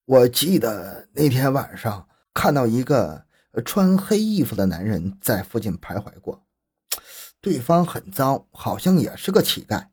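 A man playing an old street sweeper who slowly and hesitantly recalls what he saw, in a true crime story. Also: mid-range voice, big pitch swings, darkish tone, slightly rough, heavily acted. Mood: slow recollection.

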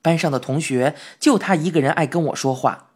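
A woman reading a children's story in the first person with a Beijing accent, lively and humorous. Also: deep voice, a little fast, breathy edge. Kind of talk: storybook narration. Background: faint music.

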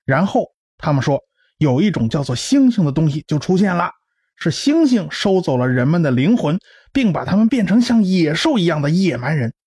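Voicing a cocky, chatty scientist and science populariser in a Chinese radio drama, a man explains and tells stories with brash, lively bluster. He speaks at a moderate pace with big pitch swings, his voice on the high side, husky and darkish, in a dry recording.

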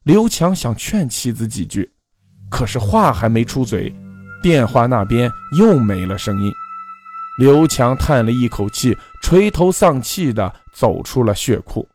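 Expressive male storyteller for a ghost tale, lively pitch, faint music behind. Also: unhurried. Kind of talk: scripted ghost story narration.

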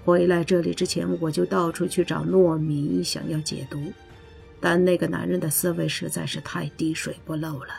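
A woman's voice: on the low side, flat delivery, moderate pace, vocal fry, darkish tone, faint music behind. A woman voicing a playful middle-aged male godfather who brags and teases in a coaxing way, in a storybook reading. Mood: weary. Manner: joking, boastful, coaxing.

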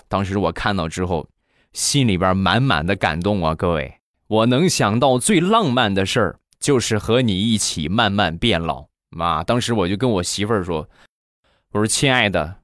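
A man hosting a comedy podcast, telling funny stories about his wife and family in an animated, chatty way. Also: on the low side, dry recording, clean studio sound. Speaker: comedy show host. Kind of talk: comic storytelling.

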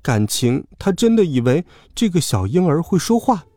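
A man narrating a children's story in an expressive, animated way. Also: fairly high pitch, normal speed, no room sound. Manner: lively, animated. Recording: dry close recording with faint music.

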